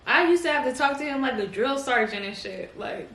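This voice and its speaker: Woman, podcast host, blunt profane jokes, sharp bright tone, echoey room. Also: high voice, animated, fairly quick. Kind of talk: casual chat. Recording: echoey room, mic at a distance, faint noise.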